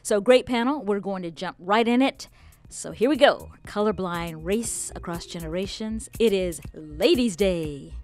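A middle-aged woman hosting a podcast panel, introducing guests and asking questions in a lively, upbeat way. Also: mid-range voice, a little slow, faint music behind. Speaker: podcast host. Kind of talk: casual panel talk.

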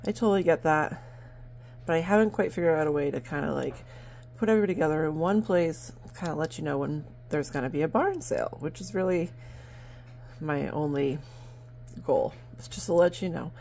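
Chatty woman with a gravelly voice. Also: sits low, animated, fairly quick, a little mellow, a little hiss or hum. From New Hampshire, USA. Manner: chatty and rambling, with many fillers. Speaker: vlogger and barn sale seller. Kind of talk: casual chat to camera. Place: at home, indoors at a table.

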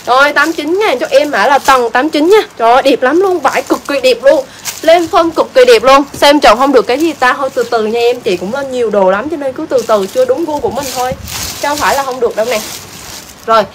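A woman's voice: high voice, slight background noise, rough recording. A woman selling clothes on a livestream, chatty and exclaiming, repeating prices over and over. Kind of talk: fast live-selling patter.

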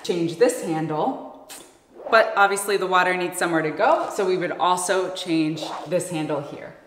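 Beside a van in a garage workshop indoors, a woman in her thirties gives a relaxed explainer on building her camper van. Her pitch is lowish and her tone a touch bright, with faint background noise. Echo fills the room and music runs underneath.

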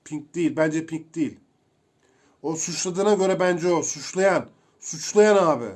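A young man giving casual, excitable commentary while playing a video game, chatting to his viewers as he goes. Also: on the high side, measured pace. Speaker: gameplay streamer.

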